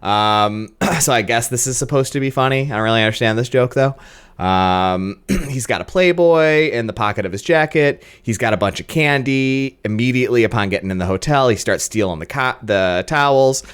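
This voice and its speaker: A man's voice: mid-range voice, animated, normal speed, a bit bright, clean tone. A man co-hosting a film podcast, recapping scenes in casual chat with dry exasperation. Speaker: podcast co-host.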